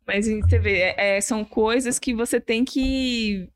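A woman's voice: a little high, fairly even intonation, unhurried. A young adult woman, a police officer and guest, chatting casually and filling her speech with "tipo". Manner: chatty, uses filler like tipo. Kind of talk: casual interview conversation.

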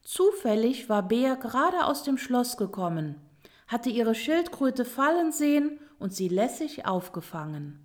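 A woman narrates a children's storybook, taking her time. Her voice sits a little high, and her reading is calm and expressive. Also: unhurried. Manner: calm, expressive read-aloud.

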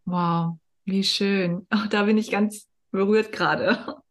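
A woman's voice: mid-range voice, steady tone, slow. A woman hosting an interview, gushing and often hesitant, with many fillers. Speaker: interview host. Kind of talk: casual interview chat.

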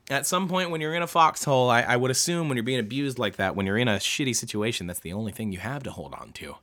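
Bright-voiced man in halting, heartfelt commentary. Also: mid-range voice, lively intonation. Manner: halting, with many restarts and swearing. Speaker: podcast host reading a true-crime book. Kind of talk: emotional casual commentary.

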